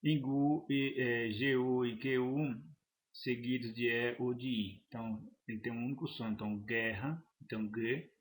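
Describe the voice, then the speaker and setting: A man's voice: medium pitch, steady tone. Man teaching a grammar lesson. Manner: halting, restarts phrases while explaining. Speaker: Portuguese teacher.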